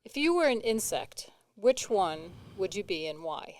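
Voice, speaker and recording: A woman's voice: mid-range voice, big pitch swings, measured pace, a little mellow. A woman with a New England accent co-hosting comedic banter in a matter-of-fact, dry way. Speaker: co-host.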